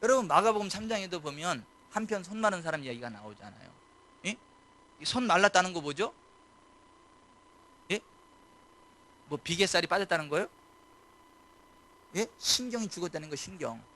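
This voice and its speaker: A male pastor preaching in church in a high, bright voice. He drives his points hard and keeps turning to the congregation with questions. The delivery is insistent and lively. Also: normal speed, long pauses. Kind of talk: sermon.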